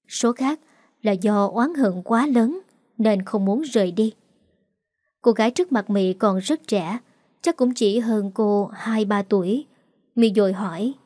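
A woman narrating a dramatic ghost tale in a steady storytelling manner. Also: medium pitch, dry recording, studio quality.

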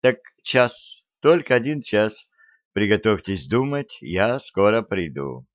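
A man's voice: on the low side, lively intonation, slow pace, no room sound. A man voicing an earnest young woman who pleads and urges in an audiobook. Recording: dry, slightly dull audiobook recording.

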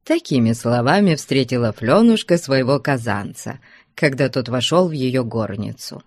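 A woman narrating a classic novel in an expressive storytelling manner. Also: very deep voice, moderate pace, no echo, clean studio sound. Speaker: audiobook narrator. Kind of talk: literary audiobook narration.

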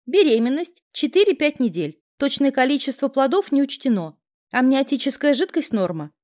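A woman voicing a tired woman doctor who speaks in a brisk, clinical, matter-of-fact way. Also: high-pitched, big pitch swings, a little mellow, pitched above the performer's own voice.

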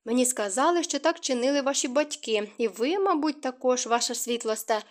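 A woman's voice: high-pitched, expressive, brisk. A woman voicing a scared young maid. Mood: timid. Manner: timid, stammering. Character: frightened young housemaid.

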